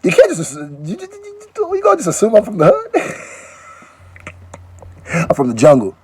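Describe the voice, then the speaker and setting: A YouTube reaction host raised in Nigeria speaks fairly quickly in a high voice. He's animated on this casual reaction video, cracking jokes and cutting in often.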